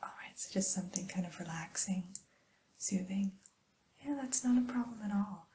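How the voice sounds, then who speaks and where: Female ASMR whisperer, mellow and hushed, gentle receptionist roleplay, unhurried with soft hesitations. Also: medium pitch, slight background noise. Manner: soft unvoiced whisper, slow and soothing.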